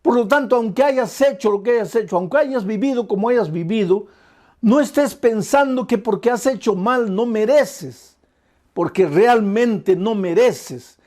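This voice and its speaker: A man's voice: high voice, unhurried, darkish tone. A man preaching an evening prayer sermon as pastor, speaking earnestly and directly to the listener with repeated emphatic phrases and a shifting pace.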